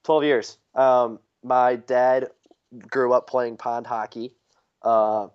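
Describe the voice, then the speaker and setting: A young man from the St. Louis area chats casually as a podcast co-host. He rambles through stories with plenty of "um"s and "uh"s. His voice has a middling pitch, and the recording sounds dull and lo-fi. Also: level tone, takes it slowly, smooth. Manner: rambling storyteller with frequent fillers. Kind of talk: casual chat.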